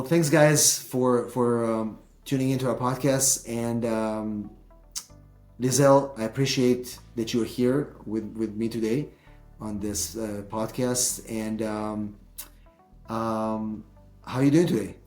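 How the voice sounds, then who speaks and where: Male podcast host, mid pitch, rambling, echoey home studio. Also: steady tone, slow, darkish tone, soft background music. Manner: rambling, many fillers and restarts. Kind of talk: casual interview.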